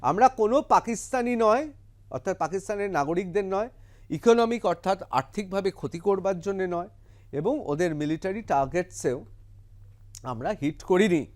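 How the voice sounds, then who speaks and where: This is a male news commentator, tearing into his subject with scorn and heavy emphasis. His voice sits high and leaps around expressively from word to word. He pauses now and then to read out English quotes before explaining them. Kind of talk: heated political commentary.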